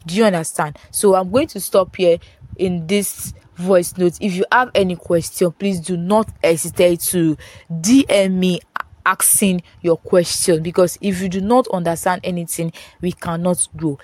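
A woman's voice: fairly even intonation, normal speed, a little mellow, dry recording. Female teacher, voice-note grammar lesson, dry close sound, patient and repetitive. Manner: repeats points, checks in with "Do you understand?"; rises in pitch when stressing contrasts. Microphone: phone voice note.

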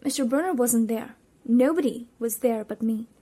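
A woman reading a children's adventure novel aloud in the first person, expressive and giving the characters voices. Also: on the high side, moderate pace, husky. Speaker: audiobook reader. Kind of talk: storybook narration in first person.

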